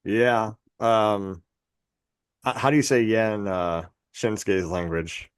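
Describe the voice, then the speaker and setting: A man's voice: lowish voice, takes it slowly, clear, resonant tone, dry recording, clean studio sound. A man co-hosting a podcast in a casual chat, rambling, swearing and laughing at his own jokes. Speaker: podcast co-host.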